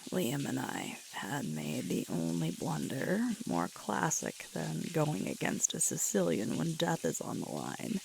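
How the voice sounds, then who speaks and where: A female ASMR performer voices a sweet, playful young alpha werewolf girlfriend who is tired and sore, telling an intimate roleplay story in a wry, relaxed, reminiscing mood. Her exaggerated delivery is slow, breathy and halting, often dropping to a whisper, full of sighs and murmurs, with huge pitch swings. Loud hissing shower water runs throughout.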